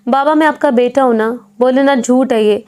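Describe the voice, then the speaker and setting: A woman's voice: sits high, darkish tone, clear, resonant tone, close to an everyday voice. A woman doing a tearful grown son begging. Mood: pleading.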